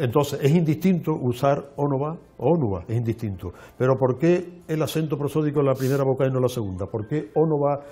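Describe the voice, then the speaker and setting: Guy on a tv show explaining things slow and careful, kinda mellow dark voice. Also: medium pitch. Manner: measured, lecturing, with frequent restarts. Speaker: archaeologist guest. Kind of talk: explanatory interview talk. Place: television studio.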